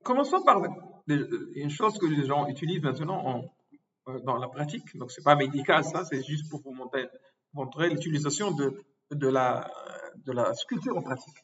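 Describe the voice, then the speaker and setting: A male professor giving a recorded lecture, slowly repeating and spelling out terms. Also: on the high side, animated, fairly bright tone. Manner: slow, repeats words and spells them out syllable by syllable. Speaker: medical school professor. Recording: distant mic, dull lo-fi sound.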